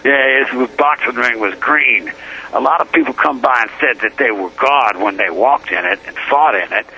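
A man's voice: mid-range voice, normal speed, bright, forceful tone. An older man calling in on a prison payphone line, rambling, chanting words over and over and laughing as he talks. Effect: heard over a prison payphone line. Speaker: prison inmate caller. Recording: muffled phone line, faint hiss.

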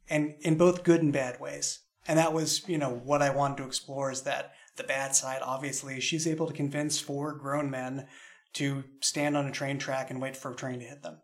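A man who creates audio dramas takes part in a roundtable interview, explaining things in a reflective, discursive manner. His voice is mid-range.

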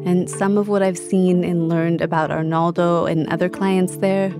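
Low-voiced woman reporter narrating. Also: flat delivery, moderate pace, over music. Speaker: podcast host and reporter. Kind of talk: documentary narration and phone interview.

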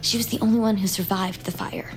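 In a naturalistic audio drama, a woman plays a driven, inquisitive young crime survivor, laying out facts with intent emphasis in an urgent mood. Her mid-range voice is natural and steady in tone, and she speaks fast.

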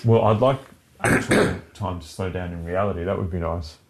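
A man's voice: low-pitched, moderate pace, crowd noise. A man co-hosting a podcast, chatting casually and sardonically and swearing freely. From Britain. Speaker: podcast co-host. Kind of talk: casual chat.

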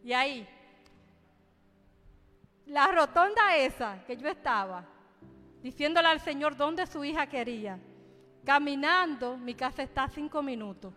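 A woman's voice: sits high, expressive, a little slow, long pauses, pushed and bright, big-room sound, faint music behind. A woman giving a fervent testimony in church, preaching to the congregation and repeating phrases for emphasis. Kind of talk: sermon testimony.

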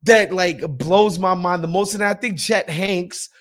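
A man's voice: high voice, a little slow. A man co-hosting a podcast, talking in a casual, profane and emphatic way. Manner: profane, animated, emphatic ranting. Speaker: podcast co-host. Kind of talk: casual chat.

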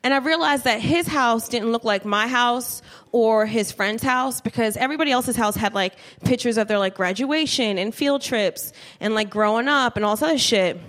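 A woman in her thirties doing stand-up on a club stage into a handheld mic, telling a story, profane and animated, talking to the crowd. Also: on the high side, normal speed. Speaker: stand-up comedian. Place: comedy club stage with live audience. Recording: live show with faint room noise.

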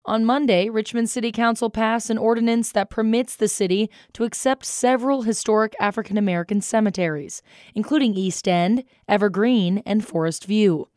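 A woman's voice: mid-range voice, moderate pace, a little mellow, no room sound. Dry studio woman news anchor. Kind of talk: scripted radio news reading.

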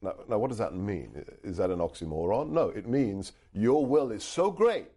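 Speaking at a moderate pace, this middle-aged UK-raised man has a fairly low, husky, warm voice and sounds very animated. He is a Hungarian speaker and an author appearing as a guest, emphatically and earnestly recounting a story in an interview with many restarts.

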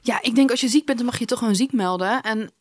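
A woman's voice: a little high, quick pace, no room sound, clean studio sound. A woman in her thirties, a podcast host, chatting casually and acting out quoted people as she tells stories. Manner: animated storyteller, acts out quotes, trails off softly.

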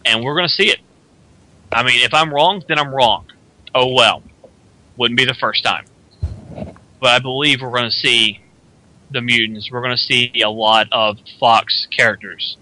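A man co-hosts a radio talk show, chatting casually and offering opinionated, speculative predictions, now and then slipping into quick character voices. His mid-range voice has a sharp tone.

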